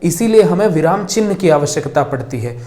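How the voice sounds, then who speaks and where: A young male teacher gives a grammar lesson at a board. His voice sits somewhat high, and he dictates slowly, saying each word again as he writes it down. He keeps asking questions and then answering them himself. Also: lively intonation, warm tone. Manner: slow dictation, repeating words as he writes.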